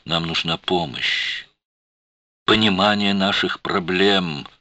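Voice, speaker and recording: A man's voice: sits low, takes it slowly, sharp tone, no room sound, pitched above the performer's own voice, full character voice. A man voicing an anxious man who pleads earnestly. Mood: pleading. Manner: imploring, earnest.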